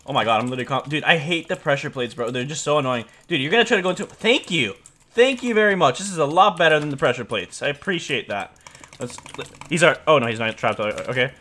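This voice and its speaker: A young man with a frat-bro manner commentates on his gameplay in a casual way. His mid-pitched voice carries loose slang, full of dude and bro, as he hosts a gaming video. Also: pushed and bright.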